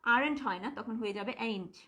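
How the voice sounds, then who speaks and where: A woman with a Bangladeshi accent teaches young pupils in a live online lesson. Her voice sits a little high, and her manner is patient as she repeats phrases word by word and checks that the class follows. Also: pushed and bright, a little hiss or hum. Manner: patient, repeats words slowly, asks the class questions. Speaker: primary school teacher.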